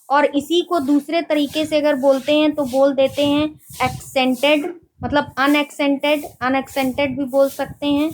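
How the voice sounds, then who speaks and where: A woman with a high voice teaches literary terms for an exam at an unhurried pace. She reads each definition slowly, then goes over it again with quick questions. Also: low-quality recording. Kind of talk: exam-prep lecture in Hindi and English.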